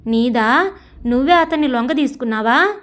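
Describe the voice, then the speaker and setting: A woman voicing an angry, proud wife who speaks in sharp, accusing lines in an audio story. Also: sits high, moderate pace. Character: angry proud wife confronting her husband. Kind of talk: audiobook character voice.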